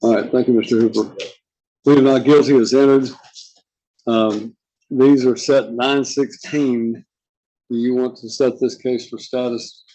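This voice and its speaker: A man speaking as a judge in formal court proceedings, measured and procedural, with occasional hesitation. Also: medium pitch, fairly even intonation, warm tone, highs cut off. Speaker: judge presiding over a court docket. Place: indoor courtroom.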